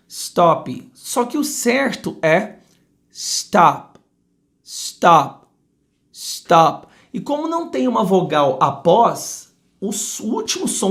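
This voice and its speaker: A Brazilian man teaching English pronunciation, speaking close to the mic and slowly repeating model words with emphasis. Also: sits high, creaky. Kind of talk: pronunciation lesson. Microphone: close microphone.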